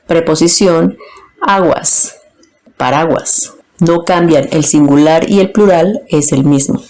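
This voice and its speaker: A woman from Colombia, teaching a grammar lesson and slowly breaking words into their parts. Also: fairly low pitch, a little mellow. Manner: slow, deliberate, splits words into their parts. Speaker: Spanish teacher.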